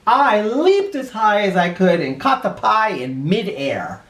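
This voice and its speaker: In a sing-song, fairly bright high voice, a male host reads a children's book aloud at a measured pace, playing it up theatrically with asides. Room echo is audible.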